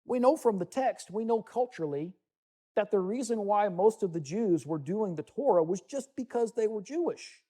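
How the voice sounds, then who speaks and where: Animated yet mellow, this high-sitting male voice moves at a normal pace as an American Bible teacher reads scripture to a room and teaches from it, mixing in casual remarks along the way.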